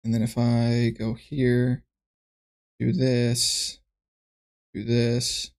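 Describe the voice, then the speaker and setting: A man's voice: mid-range voice, completely flat delivery, very slow, darkish tone. A man streaming from his computer, thinking aloud in a loose, rambling way with frequent restarts as he chats to viewers. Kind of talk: casual livestream chat.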